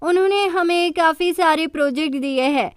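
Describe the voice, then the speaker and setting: A woman's voice: very high voice, moderate pace, dry recording, clean studio sound. A woman voicing a bossy, demanding young woman who presses with questions.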